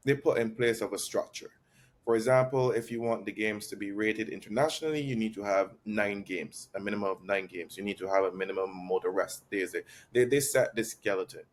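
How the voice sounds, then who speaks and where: A man from Barbados with a fairly low voice explains patiently as a podcast guest. He speaks in a measured way, often pausing on ums and restarting his sentences. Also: a little hiss or hum. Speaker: chess master guest. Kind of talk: explanatory interview talk. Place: Barcelona.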